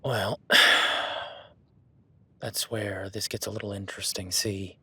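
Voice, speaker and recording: In an audio roleplay, a man voices an easygoing, seasoned cowboy rancher who speaks straight to the listener in a flat, folksy, plainspoken way. The voice is low and husky, exaggerated, slow-paced, and cautious in mood, with no room sound.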